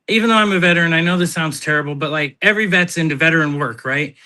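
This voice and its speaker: Bright-voiced blunt storytelling man. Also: fairly high pitch, fast. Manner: blunt, animated storyteller who swears. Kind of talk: casual chat, storytelling.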